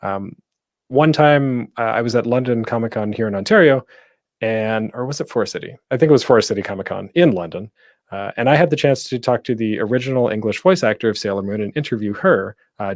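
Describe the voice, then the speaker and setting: Mid-range with some vocal fry, this man's voice is clean and echo-free at studio quality. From home, he hosts an online panel as a podcaster sharing tips, presenting informally and working through his thoughts aloud in a conversational way.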